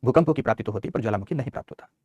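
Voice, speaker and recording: A man's voice: mid-range voice, lively intonation, very fast, darkish tone, slightly rough, no echo, muffled recording. A man teaching geography in an online class, dictating notes and coaxing and scolding his students. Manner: scolding and coaxing students, calls them beta.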